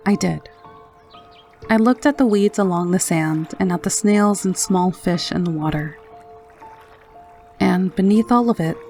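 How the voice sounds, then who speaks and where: A woman narrating a scripted first-person scary story in a low, haunting, measured manner. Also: darkish tone. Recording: narration over background music. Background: music.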